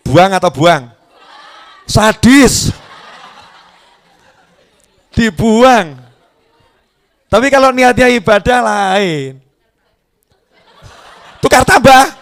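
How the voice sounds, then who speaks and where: Lively, joking male preacher. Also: high-pitched. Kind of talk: sermon to a live audience.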